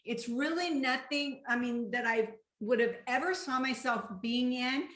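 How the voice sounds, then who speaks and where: A woman with a bright, slightly high voice co-hosts a sales call from home, chatty and enthusiastic. The sound is echoey, like a room picked up by a video call. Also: measured pace. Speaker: co-host of a sales opportunity call. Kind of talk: casual pitch over video call.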